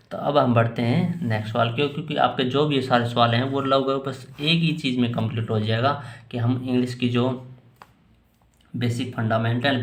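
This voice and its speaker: Hindi-accented male teacher in an echoey room. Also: medium pitch. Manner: rambling, repeats and restarts phrases. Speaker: English teacher. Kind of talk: casual spoken lesson answering student questions.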